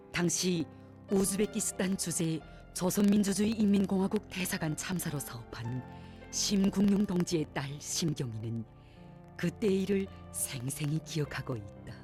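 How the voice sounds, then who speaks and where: Low, mellow North Korean woman narrator. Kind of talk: solemn scripted narration.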